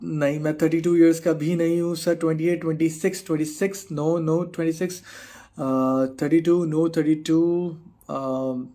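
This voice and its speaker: A bodybuilder in his thirties handles viewer comments on a live stream, reading and answering them in easygoing Urdu laced with English. He has a Pakistani Urdu accent and a warm, level voice on the high side, broken by frequent filler pauses.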